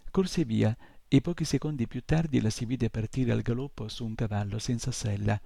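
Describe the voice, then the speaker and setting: Gravelly-voiced man reading a story. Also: mid-range voice, moderate pace, no room sound. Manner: steady storytelling. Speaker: narrator. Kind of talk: audiobook reading.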